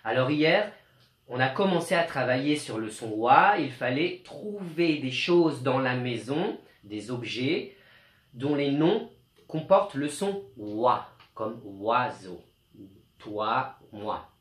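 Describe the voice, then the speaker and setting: A male teacher giving a slow, clear home lesson to young children, speaking patiently. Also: mid-range voice, expressive, roomy sound.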